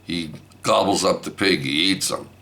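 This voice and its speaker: A man's voice: low voice, normal speed, creaky, bright, forceful tone. An older man telling a rambling family anecdote, repeating himself and asking "right?". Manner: repetitive, asks listeners "right?". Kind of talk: rambling storytelling.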